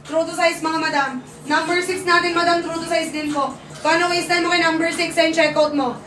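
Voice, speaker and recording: Filipino woman, very high voice, bright and sharp, almost shouting, echoey room, off the phone mic. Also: fairly even intonation, a little fast, recorded from a distance, a little hiss or hum. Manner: loud, near-shouting, urgent and repetitive. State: losing her voice. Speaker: live-selling host. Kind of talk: fast live-selling sales pitch.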